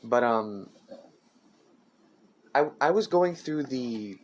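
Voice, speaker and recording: A man's voice: mid-range voice, animated, a little mellow, a little hiss or hum. Teen male podcast host, casual and rambling, homemade desk mic with audible clicks and knocks. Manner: rambling, halting, full of fillers and restarts. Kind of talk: casual chat. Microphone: amateur desk mic.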